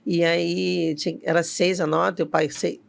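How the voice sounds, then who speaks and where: A woman's voice: on the low side, flat delivery, unhurried, creaky. A middle-aged woman, a company CEO telling a personal story as an interview guest and acting out the voices she quotes.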